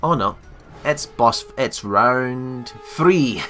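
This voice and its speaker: A man's voice: mid-range voice, animated, slow, fairly bright tone. A man casually commentating a co-op game, joking and explaining tricks to viewers. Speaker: co-host of a gaming channel. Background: game music.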